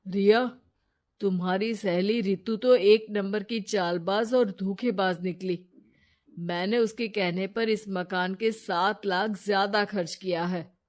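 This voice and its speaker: A woman's voice: lowish voice, measured pace, close to an everyday voice. A woman doing an indignant young husband. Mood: angry. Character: annoyed young husband, straight-talking man.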